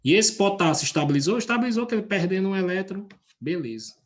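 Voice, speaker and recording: A man's voice: sits high, animated, quick pace. A male chemistry teacher, speaking from his computer during a class. He often stops to check in with students and ask questions. He explains ideas through everyday comparisons. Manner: checks in with students by name and asks frequent questions.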